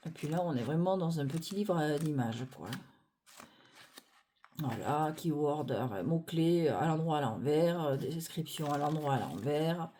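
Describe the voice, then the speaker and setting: A woman reviewing tarot decks in a casual, hesitant chat, often pausing with fillers and laughing at her own clumsiness, recorded on a phone on a stand at home. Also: deep voice, expressive, dark tone, a little hiss or hum. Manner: chatty, hesitant, self-deprecating, many fillers.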